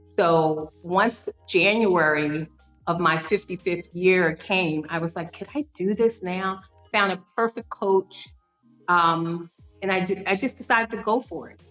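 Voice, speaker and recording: A woman in her fifties, appearing as a podcast guest in a conversational interview, tells her story earnestly, with frequent fillers and restarts. Her voice is on the low side, a little slow, and a bit bright, with highs cut off and soft background music behind her.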